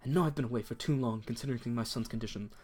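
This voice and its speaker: A man's voice: medium pitch, very fast, a little mellow, close to an everyday voice. A man voicing a stern, reproachful wealthy middle-aged father in a game.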